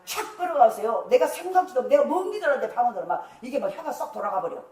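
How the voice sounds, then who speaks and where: A woman pastor with a fairly high voice preaches a revival sermon. She is emphatic, laughs often and acts out prayers. She is picked up from a distance in an echoey church hall. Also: sing-song, fast talker, darkish tone. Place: church sanctuary.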